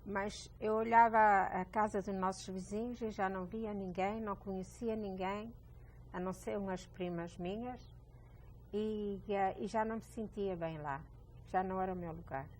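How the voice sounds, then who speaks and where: Older woman guest from Portugal, reflective and hesitant, mid-pitched voice, faint noise. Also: fairly even intonation, normal speed, a little mellow. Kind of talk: casual chat.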